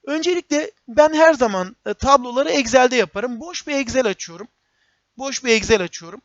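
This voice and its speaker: A man teaching a software tutorial step by step, often repeating phrases and speaking to viewers as friends. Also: very high-pitched, normal speed, no room sound. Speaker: instructor. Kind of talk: screen-recorded software tutorial. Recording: dull, dry lo-fi recording.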